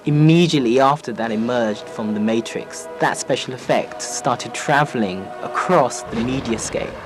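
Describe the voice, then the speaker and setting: Man, medium pitch, reflective interview commentary, clear music behind, re-recorded broadcast audio. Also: moderate pace.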